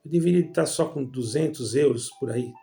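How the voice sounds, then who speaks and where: A man's voice: medium pitch, a little fast, gravelly, mellow, soft background music. A Brazilian man with a Brazilian Portuguese accent telling a religious personal testimony, calling his listeners brothers in a rambling storytelling way. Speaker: church member giving testimony.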